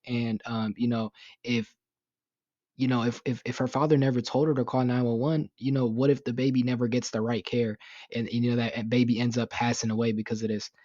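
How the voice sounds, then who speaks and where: A man's voice: medium pitch, level tone, a little fast, mellow, no room sound. Young guy ranting over a story, lots of "you know what i'm saying", swears a bunch, dry lo-fi mic. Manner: rambling, filler-heavy, profane and indignant. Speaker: YouTube commentator. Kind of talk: casual commentary on a news story.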